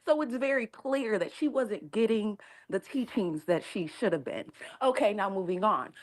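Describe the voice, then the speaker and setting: Sassy, animated woman caller. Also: mid-range voice, moderate pace. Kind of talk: call-in opinion.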